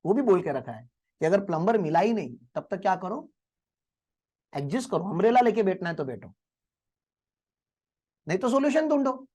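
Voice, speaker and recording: A man's voice: high voice, a little mellow. A male teacher giving a motivational lecture in a classroom, telling stories and asking the class rhetorical questions.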